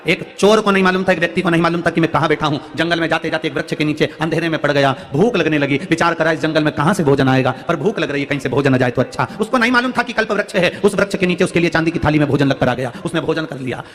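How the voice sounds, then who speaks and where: A man's voice: fast, hardly any pauses. Impassioned preacher man in echoing pavilion. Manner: impassioned, rises to high emphatic peaks, repeats phrases. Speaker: preacher telling religious stories. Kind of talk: devotional sermon with storytelling. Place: large audience pavilion. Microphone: public address microphone. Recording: long hall reverb, soft music behind.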